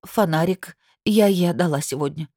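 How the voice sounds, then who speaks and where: A woman's voice: fairly low pitch, moderate pace, dark tone, no echo, studio quality, lightly acted. A woman voicing a frightened young woman in an audiobook, her voice breaking with sobs. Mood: tearful, shaken. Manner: sobbing, breaking voice. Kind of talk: audiobook character voice.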